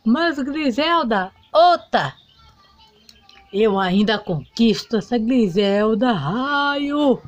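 A woman's voice: a little high, lively intonation, drawn-out words, dull audio, soft background music. A woman voicing a lovesick man who keeps courting a woman in a doll soap opera. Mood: persistent. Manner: pushy, lovesick. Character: lovesick male suitor, persistent.

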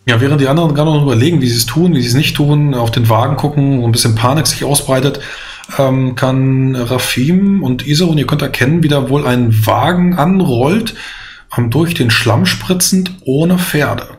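A man's voice: mid-range voice, moderate pace, slight background noise. A man narrating a tabletop role-playing game as game master, in a descriptive, explanatory way.

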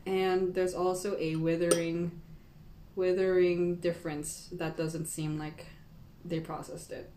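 A young woman hosts a casual live stream as a tea taster, thinking aloud and weighing tasting notes like a sommelier at a table in a small indoor room. Her voice is low and warm, with a flat delivery at a slow pace. The room is echoey with some background noise.

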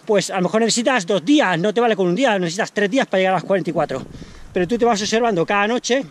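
High-pitched man giving casual training tips. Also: very fast, slight background noise. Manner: colloquial, explains step by step, checks in often with "¿vale?". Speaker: trail running coach. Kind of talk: casual instructional talk to camera.

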